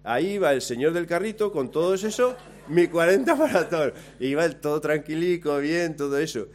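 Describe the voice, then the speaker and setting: A man telling a lively, self-mocking story about himself, acting out his own lines along the way. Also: fairly high pitch, moderate pace. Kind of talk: anecdote told to listeners.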